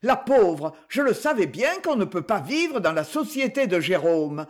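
A man's voice: high-pitched, big pitch swings, unhurried. A man reading aloud and voicing a teasing male neighbor who calls out across the street. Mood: mocking. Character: man neighbor, mocking, gossiping.

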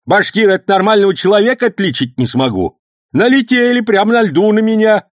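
A shrill, indignant old villager. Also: male voice, expressive, brisk, no echo, clean studio sound. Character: old village man, excitable, quarrelsome.

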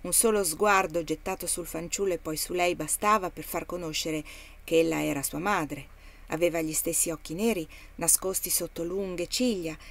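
A woman reading a classic novel aloud as an audiobook, measured and expressive. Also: on the low side, creaky. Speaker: reader of a novel.

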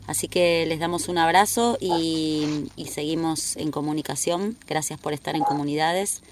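A woman's voice: low voice, fairly even intonation, moderate pace. A woman radio host, thanking guests in a community radio interview with hesitant fillers. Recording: loud background noise.

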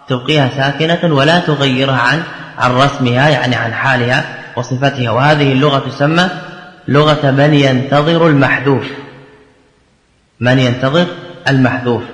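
A man teaching grammar, explaining a verse text line by line, asking and answering his own questions and repeating key phrases slowly. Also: medium pitch, fairly bright tone. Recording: echoey hall with long reverb.

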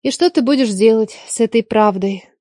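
A sharp-tongued young woman teacher, put on by a male audiobook reader, answering in curt, cool, sarcastic lines. The voice sits well above the reader's own, dry and close to the mic. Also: high-pitched, moderate pace, no room sound, pitched above the performer's own voice, lightly acted. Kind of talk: audiobook character voice.

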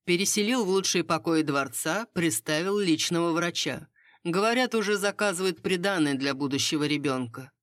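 A woman's voice: lowish voice, normal speed, no room sound, lightly acted. A woman reading the part of a sardonic, unflustered aristocratic court lady with dry irony. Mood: ironic.

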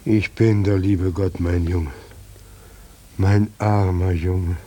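A weary old God in a radio play, sorrowful and powerless, speaking slowly in a low, dark voice. His voice is soft and husky, with a heavy sadness. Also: steady tone.

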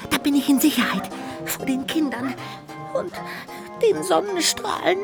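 A plucky little ghost from a children's radio play, curious and cheeky. The voice is high and leaps about excitedly as it chatters to itself, with music behind it. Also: female voice, unhurried, vocal fry, full character voice. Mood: alarmed. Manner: excitable, exclamatory, talking to itself.

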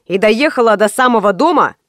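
A woman's voice: fairly high pitch, lively intonation, fairly quick, fairly bright tone, no echo, studio quality. A woman voicing a smug, lazy man of about forty who runs a gang, drawling and then shrieking. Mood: menacing.

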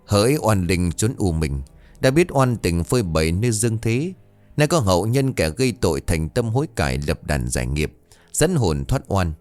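A man's voice: on the low side, very animated, moderate pace, darkish tone, dry recording, soft background music. A man doing a solemn ritual master. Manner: solemn, incantatory. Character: stern old male ritual master, solemn.

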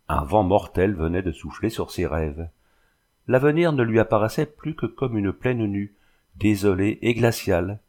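Male audiobook narrator, lower voice, measured literary reading. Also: a little mellow.

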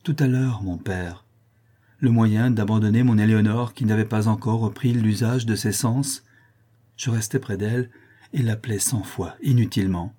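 A man reading a classic novel aloud as an audiobook in first-person narration, steady and expressive. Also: fairly low pitch, moderate pace. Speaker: audiobook reader.

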